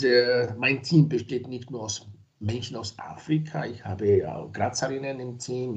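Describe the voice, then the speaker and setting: This middle-aged Nigerian man, a podcast guest, talks casually and hesitantly, full of fillers and restarts. His voice is medium in pitch with a darkish tone, and the audio quality is poor.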